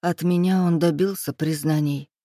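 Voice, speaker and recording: A mellow woman with a low, steady voice narrates a romance audiobook in first-person scripted narration at normal speed. The studio sound is clean, with no room sound.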